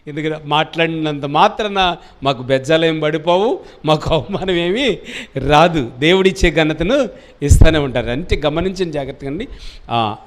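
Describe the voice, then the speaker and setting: High-voiced man preaching a sermon. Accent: Telugu. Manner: call-and-response preaching, rising to loud cries. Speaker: pastor.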